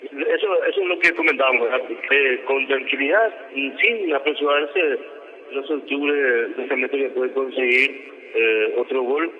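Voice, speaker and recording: A man's voice: medium pitch, normal speed, long reverb tail, phone-quality sound. A Paraguayan man working as radio football co-commentator, giving match analysis and sponsor announcements.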